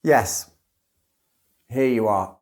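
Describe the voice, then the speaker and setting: An English teacher plays an exam candidate, delivering scripted model answers clearly and carefully. His mid-range voice is a little mellow, and he speaks very slowly.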